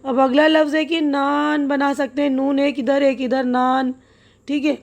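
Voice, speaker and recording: A woman teaching a lesson, spelling words out letter by letter and pausing often to check that her listeners follow. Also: sits high, flat delivery. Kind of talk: step-by-step classroom lesson.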